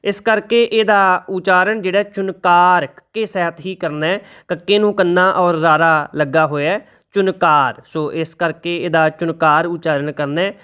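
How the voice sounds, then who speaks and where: A man teaching the correct pronunciation of scripture, reciting verses slowly and deliberately and spelling out letters. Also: high-pitched, steady tone, pushed and bright, clean tone. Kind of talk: recitation lesson with slow chanted verses.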